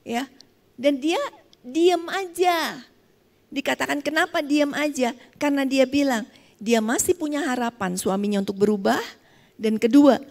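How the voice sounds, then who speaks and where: A woman's voice: sits high, darkish tone. A woman preacher giving a sermon, telling stories and acting out the dialogue while she calls her listeners "saudara". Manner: storytelling, acts out quoted dialogue, addresses congregation as "saudara". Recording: long hall reverb.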